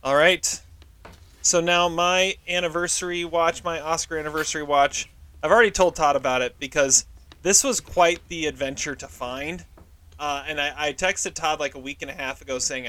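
A man's voice: a little high, brisk. A man co-hosting a podcast, telling in casual chat how he tracked down a film he reviews. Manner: relaxed storytelling, explains step by step. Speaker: podcast co-host.

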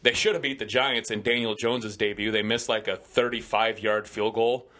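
A Midwestern American man co-hosts a sports podcast, speaking at a moderate pace in a lowish, steady, sharp-toned voice. Into his studio microphone, he offers confident football picks and chatty betting talk.

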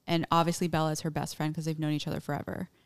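Chatty woman, smooth and lowish. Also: level tone, racing. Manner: chatty, many "like"s and "um"s, laughs easily. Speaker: podcast host. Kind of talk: casual chat, retelling a true crime case.

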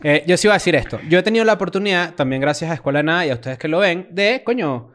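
A man's voice: on the high side, animated, very fast, a bit bright. A man from Caracas with a Venezuelan accent, co-hosting a podcast in joking, playful casual chat. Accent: Venezuelan Caracas Spanish. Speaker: podcast co-host.

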